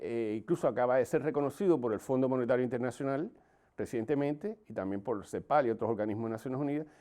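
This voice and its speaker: A man's voice: medium pitch, warm tone. A man with a Cuban Caribbean Spanish accent giving formal, explanatory analytical answers as an expert interview guest. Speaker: guest economist and academic.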